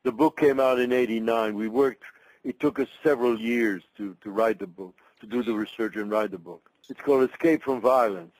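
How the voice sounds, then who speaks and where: An older Belgian migration researcher answers interview questions thoughtfully, halting and restarting often. His voice sits mid-range, and the recording is dry and rough.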